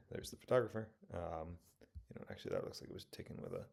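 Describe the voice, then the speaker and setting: A man casually talking through auction photos of a car, rambling and correcting himself with many pauses. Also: low voice, wildly swooping pitch, vocal fry, darkish tone. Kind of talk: casual commentary over photos.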